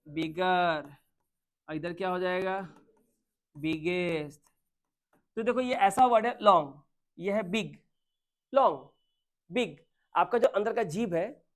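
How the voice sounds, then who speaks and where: A man teaching a grammar class, asking his students questions and answering them himself, mixing in English words. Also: high-pitched. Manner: mixes Hindi with English terms.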